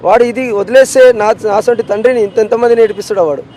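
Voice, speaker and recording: Distraught Telangana father, fast and high. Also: mellow, a little hiss or hum, poor audio. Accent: Telangana Telugu. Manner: insistent, repetitive, emotional pleading. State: distraught with grief. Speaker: interviewee, grieving father. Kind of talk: street interview.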